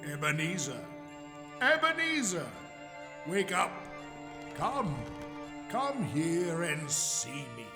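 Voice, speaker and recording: Slow, swooping, hearty Ghost of Christmas Present. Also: male voice, a little high, sing-song, vocal fry, over music, full character voice. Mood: booming summons. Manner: theatrical, drawn-out calls. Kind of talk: radio play acting.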